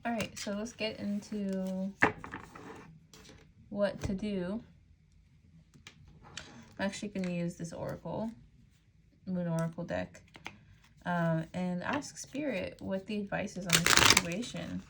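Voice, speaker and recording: A woman's voice: mid-range voice, steady tone, slow, vocal fry, pauses often, very noisy. A woman giving a casual tarot reading straight to her viewers, chatty and loose, full of "like" and "um". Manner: chatty, frequent "like" and "um", laughs easily. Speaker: tarot reader.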